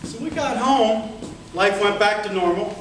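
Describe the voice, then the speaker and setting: A man's voice: sits high, a bit bright, very echoey. Male storyteller, folksy comic tall tale, theatrical delivery; distant mic in a noisy room. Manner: theatrical, with dramatic pauses and exclamations. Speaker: contestant in a tall tales speech contest. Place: indoor room with a live audience.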